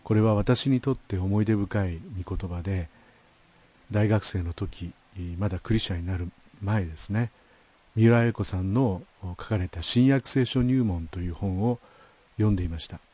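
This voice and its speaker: A man's voice: fairly low pitch, moderate pace, dark tone. A man sharing a thoughtful, personal sermon reflection in a conversational way. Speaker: pastor.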